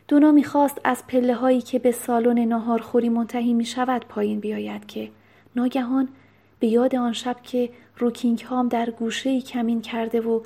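A woman's voice: fairly high pitch, dark tone. Woman reading a novel aloud. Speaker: audiobook narrator. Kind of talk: scripted storybook narration.

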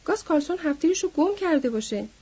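A woman's voice: very high voice, lively intonation, darkish tone, pitched above the performer's own voice. A woman voicing a weary, pleading ranch worker. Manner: pleading, subdued. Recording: dull lo-fi recording.

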